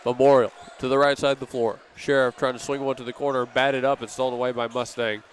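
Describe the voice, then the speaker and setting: A man calling a high school basketball game with steady, easygoing play-by-play commentary. His voice sits at a middle pitch. A faint hum of gym noise and bouncing balls runs behind him. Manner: steady play-by-play, casual asides and quick self-corrections. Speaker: play-by-play announcer.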